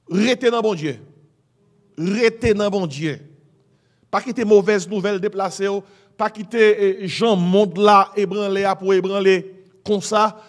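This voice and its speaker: High-voiced Haitian Creole-accented preacher man. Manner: mixes Creole and French, emphatic exhortation with "hein?" and "amen". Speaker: pastor. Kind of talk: sermon.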